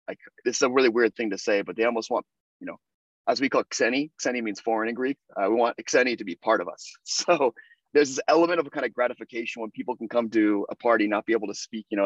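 A young man from the United States appears as a podcast guest in a casual interview conversation, talking with lots of fillers and restarts. His voice is lowish, and the dry recording has its highs cut off.

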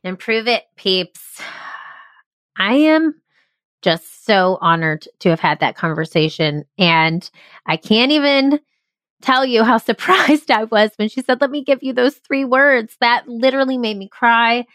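A woman's voice: a little high, animated, measured pace, fairly bright tone, clear, resonant tone, dry recording, clean studio sound. A woman hosting a podcast interview, talking in an effusive, enthusiastic, casual way. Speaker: podcast host.

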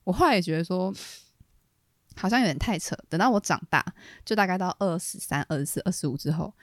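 A woman in her late twenties co-hosting a podcast, telling a personal story in animated casual chat, laughing often and restarting her sentences. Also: fairly low pitch, fast talker, no room sound, studio quality. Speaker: podcast co-host.

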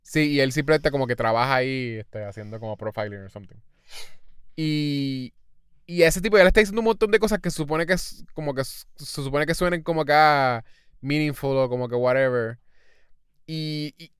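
Rambling podcast co-host. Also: male voice, a little high, a little fast, smooth, no echo, studio quality. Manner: rambling, mixes English words into Spanish, many fillers. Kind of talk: casual film-review chat.

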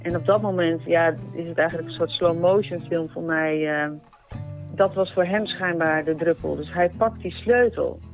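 Woman, personal account, halting and reflective, thin radio sound, faint music. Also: fairly low pitch, phone-quality sound.

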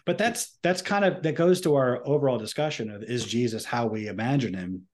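A man with a mid-range voice chatting casually as a podcast co-host. He keeps a wry, dry tone and slips in understated jokes. His speech is relaxed and conversational. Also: mid-range voice, fairly quick. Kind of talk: casual discussion.

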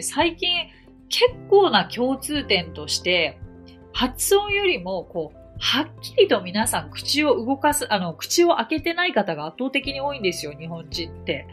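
A woman from Japan hosting an English-learning podcast, explaining phrases in a chatty, encouraging way with everyday examples. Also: medium pitch. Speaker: English teacher and podcast host.

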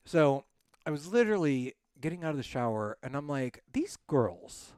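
Blunt, animated man co-host. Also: a little high, normal speed, clear, resonant tone, dry recording, clean studio sound. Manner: blunt and animated, swears freely. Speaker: podcast co-host. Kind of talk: casual chat.

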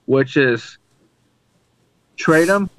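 A man co-hosting a podcast, chatting casually about sports, halting and restarting his sentences often. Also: on the high side, lively intonation, dry recording, poor audio. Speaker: podcast co-host.

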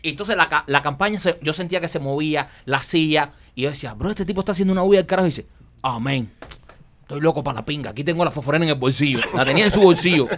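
A man's voice: on the high side, racing, fairly bright tone. A man telling a funny story in casual chat, acting out the quotes and laughing often.

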